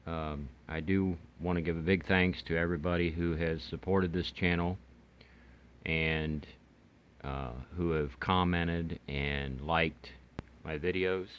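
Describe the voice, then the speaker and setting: Here the radio-reviewing host speaks slowly in a low, steady, fairly bright voice. He's demonstrating a product casually and without a script, hesitating and rambling as he goes, with clear background noise in the recording.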